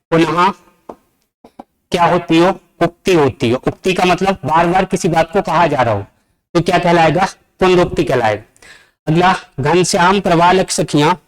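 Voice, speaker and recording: A man with a high voice teaches an exam-prep grammar class. He explains step by step and keeps checking that the class follows with quick questions. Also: rough recording. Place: coaching classroom.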